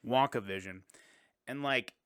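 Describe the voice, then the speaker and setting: A man co-hosting a podcast, casually recapping a film and dropping into quick silly impressions. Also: mid-range voice, a bit bright, smooth, dry recording. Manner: rambling, retells scenes with quick silly impressions. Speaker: podcast co-host. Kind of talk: casual movie recap chat.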